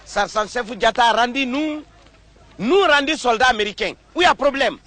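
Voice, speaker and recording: An actor playing a defiant colonial infantry corporal who speaks broken French. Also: male voice, very high-pitched, animated, normal speed, sharp tone, no room sound, heavily acted.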